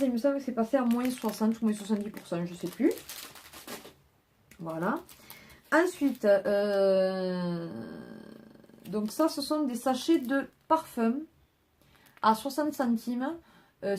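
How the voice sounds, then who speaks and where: A haul vlogger with a fairly high but darkish voice chats casually at home, showing her purchases to the camera one by one and talking viewers through each item. There's a little hiss or hum in the audio.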